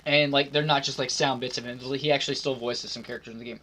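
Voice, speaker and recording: A man co-hosting a casual gaming podcast, talking loosely with lots of filler words and frequent throat clearing. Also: medium pitch, fairly even intonation, fast talker, bright, forceful tone. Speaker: podcast co-host.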